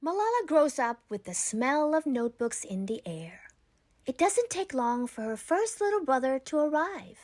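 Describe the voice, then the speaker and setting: Measured and scripted, this children's book narration comes from a woman whose fairly high, slightly mellow voice swings widely and expressively in pitch. The sound is dry, with no room echo.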